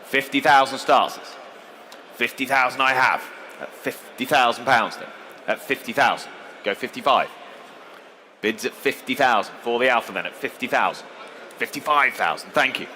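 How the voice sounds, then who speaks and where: Bright male auctioneer in a reverberant hall. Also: mid-range voice, normal speed. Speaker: classic car auctioneer. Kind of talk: live auction lot introduction and bid calling. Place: large indoor show hall, live saleroom. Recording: reverberant hall, faint background noise.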